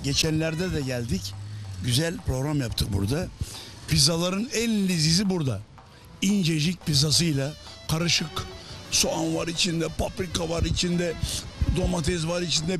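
A man's voice: sits high, moderate pace, music in the background. A man hosting a promotional show, presenting enthusiastically and chattily, with emphatic repeated phrases. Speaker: host of a restaurant promotion show. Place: inside a restaurant.

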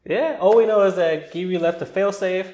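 A man's voice: high-pitched, normal speed, a little mellow. A man reviewing a book in casual chat, easygoing and agreeable with his co-host. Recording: roomy echo.

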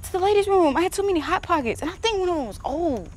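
A woman's voice: extremely high pitch, expressive, very fast, slight background noise. A woman playing a sassy teen sister. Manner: sassy, teasing.

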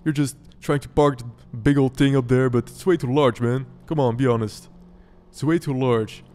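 A man's voice: medium pitch, fairly even intonation, moderate pace, darkish tone, big-room sound, lightly acted. A man voicing a chatty, friendly male game buddy who rambles good-naturedly and admits he forgets things.

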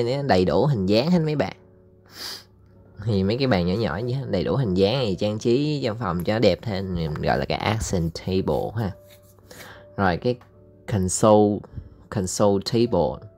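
Male teacher with a Southern Vietnamese accent and a very low voice, chatty and halting, faint music underneath. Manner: chatty, hesitant with many fillers, drawls out English words slowly for repeating. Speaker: English teacher. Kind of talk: casual recorded lesson explaining slides.

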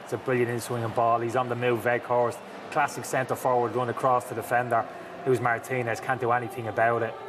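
A middle-aged man breaks down football replays at a brisk clip, emphatic and sure of his reads. He sits on a TV studio set wearing a lapel mic. A clear layer of background noise runs under his voice. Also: medium pitch, little pitch movement. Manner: emphatic, talks over replays. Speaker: football pundit. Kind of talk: studio match analysis.

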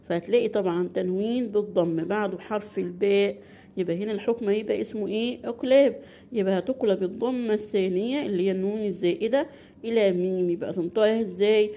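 A woman teaches a beginner Quran recitation lesson in an Egyptian Arabic accent, her mid-range voice warm in tone. She raises questions and supplies the answers herself, drawing out example words slowly.

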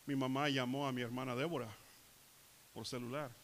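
A man's voice: mid-range voice, flat delivery, brisk, slight background noise. A man pastor preaching a bilingual sermon in church, saying each point in Spanish and then again in English, acting out the quotes.

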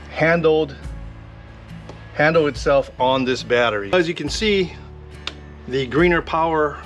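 Relaxed man demoing gear, faint music. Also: fairly high pitch. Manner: relaxed, rambling with fillers. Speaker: vlogger. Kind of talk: casual product demo vlog.

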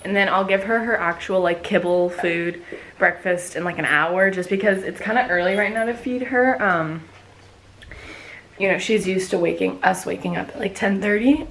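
A woman's voice: mid-range voice, a little hiss or hum, rough recording. A young woman vlogging in a casual, chatty way, with lots of filler words. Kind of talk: casual vlog narration.

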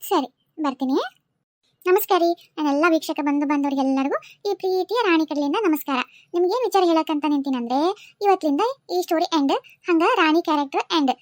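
Very high-voiced North Karnataka woman host. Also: fast, dry recording. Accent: North Karnataka Kannada. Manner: chatty, friendly appeals. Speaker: channel host. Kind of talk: casual outro to viewers.

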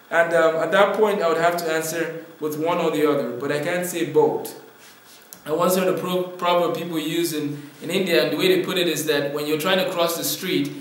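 A young man from Nigeria gives an earnest talking-to-camera lesson, explaining with his hands. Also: a little high. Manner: earnest, explains with hand gestures. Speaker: apologetics teacher. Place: indoor room with wood-panel wall. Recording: very echoey room.

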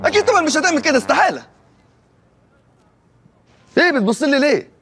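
Fast excitable Egyptian man. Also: very high-pitched. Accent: Egyptian Arabic. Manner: loud, exasperated, rapid complaining. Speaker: actor on set. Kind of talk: comic sketch banter.

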